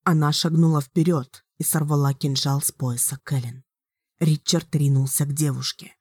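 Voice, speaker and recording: Low-voiced woman reading an audiobook. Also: steady tone, moderate pace, darkish tone, slightly rough, no echo. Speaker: audiobook narrator. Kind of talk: scripted narration.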